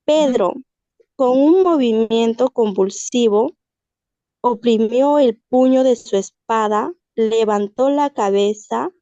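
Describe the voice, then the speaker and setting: Slow, hesitant woman reading aloud over a video call. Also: fairly high pitch, warm tone, no echo, lo-fi sound. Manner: hesitant, stumbles and restarts on hard words. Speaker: student reading aloud in class. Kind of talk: halting reading aloud of a literary text.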